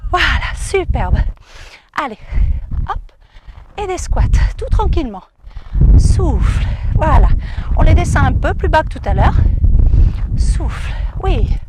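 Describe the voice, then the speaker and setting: A woman's voice: high-pitched, sing-song, takes it slowly, pauses often, very noisy. A woman fitness coach guiding a cardio workout outdoors, giving encouraging, coaxing cues and counting down. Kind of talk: guided cardio workout instruction.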